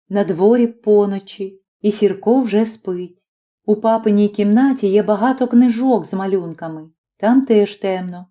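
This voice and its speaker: A woman reading a literary story aloud as an audiobook narrator, calm and measured. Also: medium pitch. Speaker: audiobook reader.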